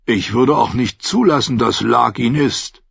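A man voicing a big, slow-witted but gentle young man who talks simply and earnestly. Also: medium pitch, vocal fry, husky, no echo, lo-fi sound, pitched above the performer's own voice, exaggerated voice.

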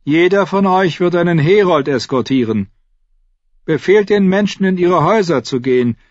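A man voicing a sharp-tongued, weary dwarf lord who gives clipped urgent orders in an audiobook. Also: high-pitched, expressive, normal speed, dry recording, lo-fi sound, pitched above the performer's own voice. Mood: commanding. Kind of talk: audiobook character voice.

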